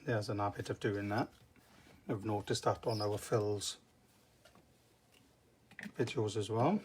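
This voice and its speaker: A man's voice: fairly low pitch, slow pace. A man with a Welsh accent giving a casual, informal craft tutorial, explaining step by step. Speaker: craft demonstrator. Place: indoor craft table. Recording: noticeable background noise with clicks.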